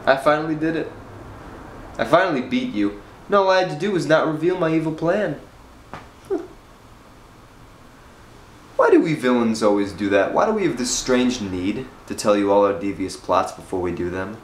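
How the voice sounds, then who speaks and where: A man's voice: medium pitch, sing-song, normal speed, pauses often, lightly acted. A man playing a gloating, smug villain. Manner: mocking, self-satisfied. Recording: roomy with faint background noise.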